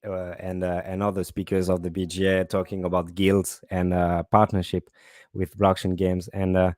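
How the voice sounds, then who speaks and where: A man with a French accent moderating a panel, asking questions with halting restarts. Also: deep voice, completely flat delivery, a little mellow, no room sound, clean studio sound. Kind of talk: online panel discussion.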